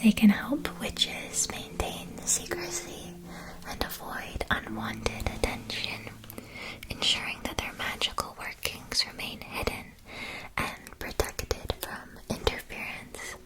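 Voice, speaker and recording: A woman whispers an ASMR roleplay as a polite, attentive shopkeeper at a witch school, explaining things in measured, deliberate phrases. Her delivery stays close to an everyday voice, and the audio is poor.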